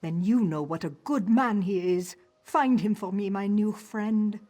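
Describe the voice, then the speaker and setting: A woman's voice: mid-range voice, a little slow, dark tone, close to an everyday voice. An actress voicing a worried, grieving farm wife and mother in a fantasy video game, earnest and pleading.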